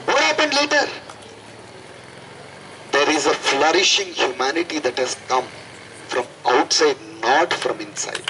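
A young adult student activist with an Indian accent gives an impassioned protest speech into a handheld microphone through a PA, emphatic and repeating phrases for effect. His fairly high voice is expressive and a little slow, with long pauses and background noise.

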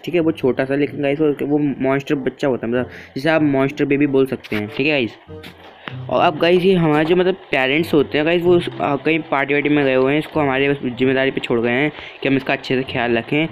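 A male gaming YouTuber talks his way through a horror game, chatty and casual. His voice sits at a middle pitch. Loud game music plays under him. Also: quick pace, dull audio. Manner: chatty, keeps addressing viewers as guys. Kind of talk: casual let's-play commentary.

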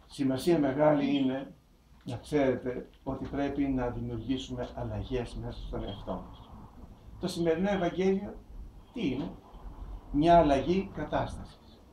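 A man's voice: medium pitch, mellow, recorded from a distance, slight background noise. A middle-aged man preaching a sermon, full of rhetorical questions in a conversational tone. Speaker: bishop preaching. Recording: roomy hall, voice from afar.

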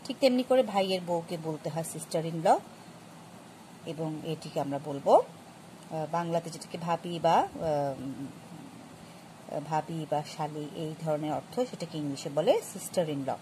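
A woman teaches a grammar lesson in a somewhat low voice. She explains patiently, stopping and restarting often. Faint noise sits behind her. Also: lively intonation, dark tone, rough recording. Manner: explains slowly with many fillers and restarts; patient, addresses students directly. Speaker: English teacher.

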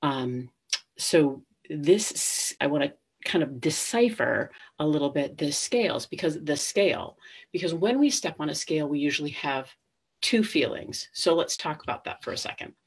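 Middle-aged woman, webinar host, husky voice, chatty and direct with listeners. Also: low voice, animated, moderate pace. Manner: conversational, addresses listeners directly. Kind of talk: live webinar presentation.

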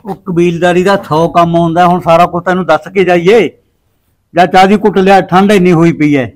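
A man plays a middle-aged Punjabi village father with a fairly high voice. He is blunt, proud and domineering in a family drama, speaking with a Punjabi accent. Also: steady tone, fairly quick, close to an everyday voice. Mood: irritated. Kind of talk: short-film family drama acting.

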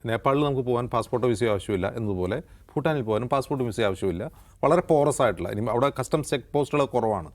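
With a Kerala accent, a man speaks in an animated, racing mid-range voice. He is a news anchor and panelist on a discussion show, explaining current affairs in detail.

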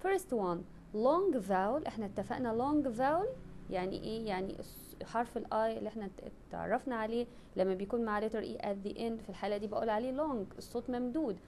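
A woman's voice: a little high, darkish tone, slight background noise. A woman teaching a children's phonics lesson, spelling words letter by letter and explaining in two languages. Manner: slow, deliberate spelling of letters, switching between English and Arabic. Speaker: English teacher.

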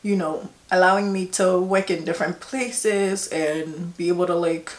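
A beauty vlogger in her twenties with a Ghanaian accent chats emphatically and laughs often while doing her makeup on camera. Her voice is lowish at a normal speed, and the sound is roomy, as in a small indoor room.

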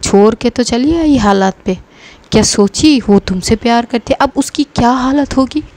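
A woman's voice: a little high, normal speed, darkish tone, close to an everyday voice. A woman voicing a stern older sister who lectures and reproaches her younger sibling. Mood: scolding.

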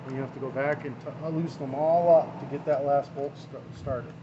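A small engine mechanic talks casually through a hands-on repair in his workshop, chatting as he works, his mid-range voice steady and fairly quick. He's off-frame, picked up by the camera mic, and the lo-fi audio carries a running engine and shop noise.

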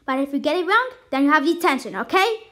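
A young woman voicing Mister Niel, a firm but kindly male teacher in a homemade cartoon, who speaks slowly while instructing. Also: high voice, animated, fairly bright tone.

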